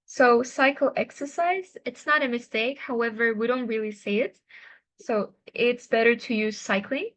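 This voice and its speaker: Slightly high-voiced woman teacher, patient, encouraging feedback. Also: fairly bright tone, no echo. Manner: patient, encouraging, explains slowly. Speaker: English speaking teacher. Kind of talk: online class feedback.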